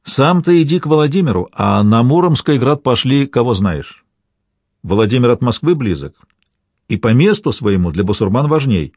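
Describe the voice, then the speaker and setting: A man's voice: medium pitch, big pitch swings, normal speed, a little mellow, breathy edge, no room sound, studio quality. A man voicing a blind medieval grand prince, a commanding and emotional father.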